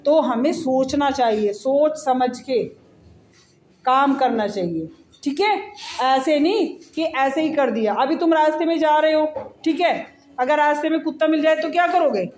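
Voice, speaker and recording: Woman reading a children's fable, high voice, gentle quizzing, echoey room. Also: measured pace. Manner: asks the child questions, gentle and explaining. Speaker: storyteller to a child. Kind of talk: storytelling to a child.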